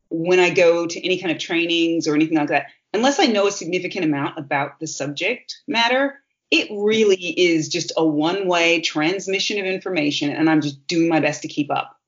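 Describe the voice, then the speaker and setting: An interviewer in a casual conversation, warmly affirming the guest and eagerly sharing their own experience. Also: mid-range voice, moderate pace, highs cut off. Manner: warmly affirming, enthusiastic listener.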